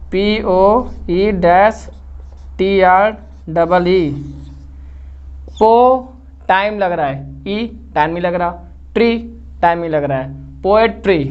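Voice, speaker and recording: A man's voice: high-pitched, clear, resonant tone, muffled recording. A man teaching literature in a lecture video, explaining step by step and often checking that students follow. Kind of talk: classroom-style lecture video.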